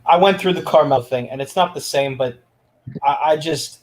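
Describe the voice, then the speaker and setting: A man on an online call whose audio is breaking up and cutting out, so he speaks in halting, restarted bits as a sports show panelist. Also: fairly high pitch. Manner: halting, restarts words mid-phrase. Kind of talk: casual sports debate over an online call. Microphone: remote call audio.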